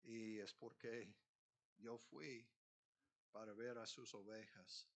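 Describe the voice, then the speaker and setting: Male pastor, slow bright delivery, expressive conversational sermon. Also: lowish voice. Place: church sanctuary.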